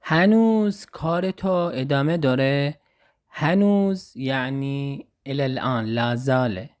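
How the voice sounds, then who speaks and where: Male language teacher, Iraqi Arabic accent, patient, repeats examples slowly. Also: mid-range voice, lively intonation, darkish tone, smooth. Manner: slow careful repetition of example phrases. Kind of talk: explaining Persian phrases in Arabic.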